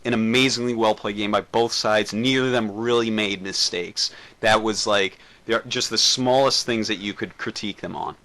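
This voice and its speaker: Bright-voiced enthusiastic male co-caster. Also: lowish voice, steady tone, moderate pace, hardly any pauses, low-quality recording. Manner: enthusiastic, calls out plays. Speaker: esports co-caster. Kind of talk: live game commentary.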